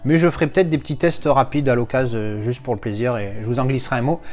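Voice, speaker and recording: A man's voice: medium pitch, fast, darkish tone. A man from France chatting casually as he unboxes his latest movie discs, rambling with playful asides.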